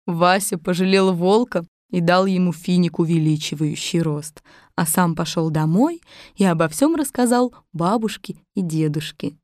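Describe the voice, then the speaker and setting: A woman narrating a fairy tale with expressive storytelling. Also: on the low side, moderate pace, dry recording, studio quality.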